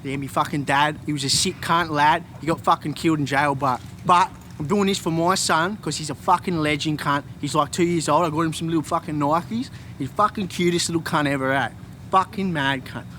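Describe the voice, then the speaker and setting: A man's voice: fairly high pitch, fairly quick, bright, forceful tone, a little hiss or hum, voice pushed up. A man playing an aggressive, foul-mouthed young Australian bogan with a broad accent and eshay slang. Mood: boastful. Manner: aussie eshay slang, swearing, bruh and lad talk. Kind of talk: in-character mock interview.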